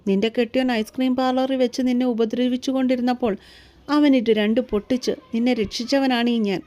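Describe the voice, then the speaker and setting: A woman's voice: fairly high pitch, steady tone, quick pace, natural voice. Woman voicing a fiery protective young man. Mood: angry. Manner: shouting in anger, cooing softly to a child. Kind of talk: audiobook story reading.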